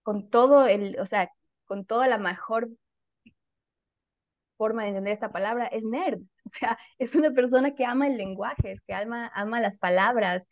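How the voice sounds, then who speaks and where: A woman's voice: on the high side, moderate pace, no echo, highs cut off. A woman writer in a casual interview, speaking thoughtfully and animatedly with many fillers and self-corrections.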